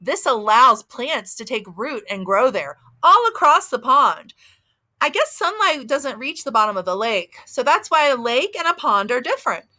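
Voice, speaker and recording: A woman with a Southern US accent reads to little children in a high, bright voice. She talks like a teacher with a toddler, sing-song and full of simple questions, and her pitch moves up and down a great deal. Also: big pitch swings, normal speed. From American South. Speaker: early childhood teacher and story reader. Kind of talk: reading aloud to young children with commentary. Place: outdoors by a house.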